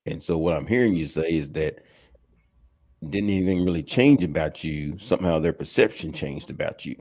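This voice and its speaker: A man in a casual chat who speaks in a measured way, summing up what others have said. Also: rumbling low, a little mellow.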